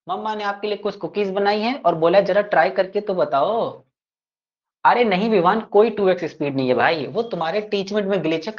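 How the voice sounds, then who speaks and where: A man's voice: high-pitched, lo-fi sound. A man teaching an online grammar class, playful and teasing his students as he explains. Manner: addresses students fondly as kids.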